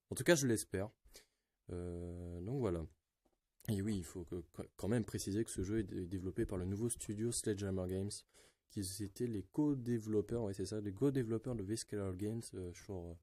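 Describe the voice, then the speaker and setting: Male gaming vlogger, low mellow voice, loose rambling delivery. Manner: rambling, many fillers and restarts. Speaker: gaming YouTuber. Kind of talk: casual gaming commentary.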